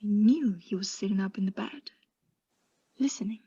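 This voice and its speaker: In a theatrical radio play, a woman portrays an obsessed, mad murderer who confesses intensely, shifting between hushed whispers and frantic outbursts. Her mid-range voice is husky at a normal speed, the audio dull, the mood furtive and tense.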